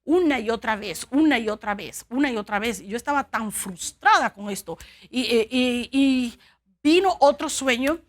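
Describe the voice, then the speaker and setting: A woman from Cuba preaching a sermon and telling a personal testimony, earnest and halting, with frequent restarts. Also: fairly high pitch, expressive.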